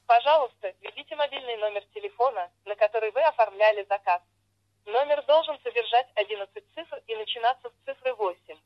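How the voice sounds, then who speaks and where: A woman reading scripted automated phone menu prompts in a formal, measured manner. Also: mid-range voice, no room sound. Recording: dull lo-fi telephone line, dry.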